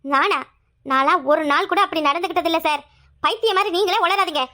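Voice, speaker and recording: A woman's voice: very high-pitched, a little fast. A woman voicing a proud, defiant young wife in a cartoon drama, answering back indignantly. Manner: indignant, sharp retorts.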